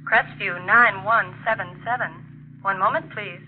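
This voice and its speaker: An actress playing a brisk telephone switchboard operator in a vintage radio drama, her voice heard through an old candlestick telephone line. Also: medium pitch, a little hiss or hum. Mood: businesslike. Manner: crisp, routine operator phrasing. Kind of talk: 1940s radio drama acting. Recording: tinny lo-fi vintage radio broadcast.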